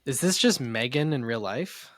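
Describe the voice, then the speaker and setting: Young male podcast co-host, mid-pitched voice, dry close sound, wry jokey delivery. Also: lively intonation, fairly bright tone, dry recording. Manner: wry, jokey, quick asides. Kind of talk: casual chat.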